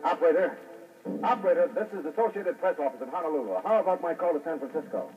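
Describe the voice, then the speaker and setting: Urgent wire reporter, clipped dictation, old newsreel radio sound, muffled, lo-fi. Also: male voice, a little high, lively intonation, fast talker, far from the mic, faint music behind. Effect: old newsreel-style radio broadcast sound. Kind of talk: 1940s radio acting.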